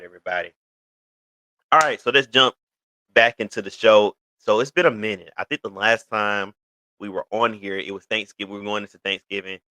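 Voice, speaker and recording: Man, 30, show host, casual talk to camera, deep voice, full of "you know" fillers, dry close sound. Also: sharp tone, no room sound, poor audio. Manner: rambling, heavy on "you know" fillers and restarts. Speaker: host of his own show. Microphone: video recording for an online channel.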